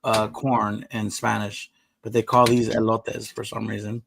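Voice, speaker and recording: A man's voice: fairly low pitch, level tone, measured pace, creaky, crowd noise, rough recording. A man hosting a live stream, chatting in an easygoing, rambling way. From United States. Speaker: livestream host. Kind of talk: casual live-stream chat.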